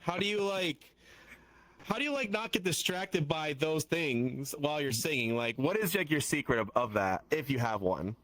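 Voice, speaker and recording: A man's voice: on the high side, animated, normal speed, a bit bright, no room sound. A man co-hosting a casual chat, rambling with many fillers. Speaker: co-host.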